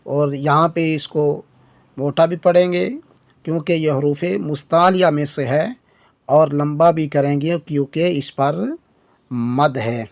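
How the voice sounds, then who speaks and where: A man's voice: a little high, fairly even intonation, darkish tone, dry recording. Man teaching letters with long drawn sounds. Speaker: Quran reading teacher. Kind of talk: patient beginner lesson.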